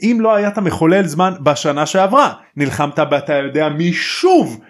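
A man voicing an eager, loyal teenage schoolboy wizard in a raised, excited voice. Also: fairly high pitch.

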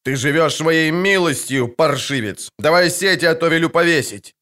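A man's voice: fairly high pitch, moderate pace, sharp tone, pitched above the performer's own voice. A man reading an audiobook, voicing a hot-tempered, haughty prince who barks orders. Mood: angry. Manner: barking, imperious. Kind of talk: audiobook character voice.

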